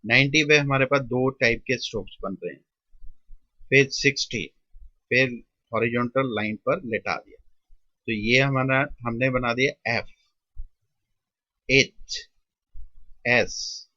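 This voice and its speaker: A man teaching shorthand step by step, drawing out and repeating each sound with pauses, in an Indian Hindi-English mix. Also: mid-range voice, pushed and bright, dry recording, muffled recording. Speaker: shorthand tutor. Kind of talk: step-by-step classroom explanation.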